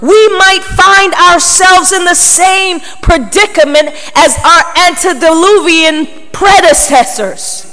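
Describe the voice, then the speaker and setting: A woman's voice: very high-pitched, slow pace, few pauses, sharp tone, soft background music. A woman preaching a sermon, emphatic and full of rhetorical questions to her congregation. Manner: emphatic, rhetorical, often prompting the listeners. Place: large reverberant hall, preaching to a congregation. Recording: echoey hall with long reverb.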